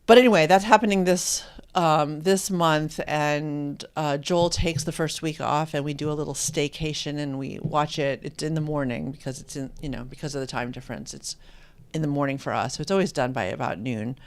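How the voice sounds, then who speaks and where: A host in their fifties, from Indiana, chatting casually on a live stream and reading viewer comments aloud, with frequent pauses and ums. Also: mid-range voice, steady tone, smooth. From Indiana, USA. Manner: rambling and hesitant, with many ums, reads viewer comments aloud.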